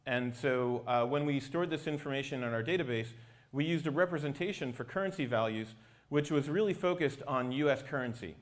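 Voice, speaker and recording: A man's voice: medium pitch, a little fast. A man giving an explanatory technical talk as a company presenter.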